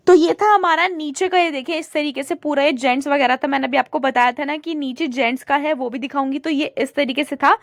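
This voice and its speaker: A young woman with a high voice narrates her vlog in a chatty, casual way, walking viewers through everything in front of her. The sound is close and dry. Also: fairly quick, few pauses, dry recording, some chatter behind. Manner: chatty, showing things to viewers. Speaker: vlogger.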